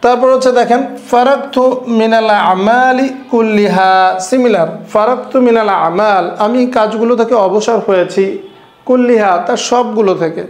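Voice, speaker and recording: A man teaching Arabic grammar in a recorded class, explaining step by step, reading example sentences slowly and checking understanding with short tag questions. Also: very high-pitched, echoey room.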